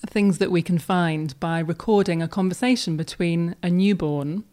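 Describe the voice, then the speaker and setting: A woman's voice: lowish voice, moderate pace. A woman child and family psychiatrist, explaining enthusiastically as a podcast guest. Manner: warm, explanatory, enthusiastic about research. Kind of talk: podcast conversation.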